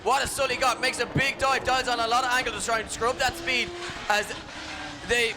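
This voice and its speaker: A man commentating live on drift racing as a motorsport commentator, moving between excited calls and analysis. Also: extremely high pitch, brisk. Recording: loud engine and vehicle noise outdoors.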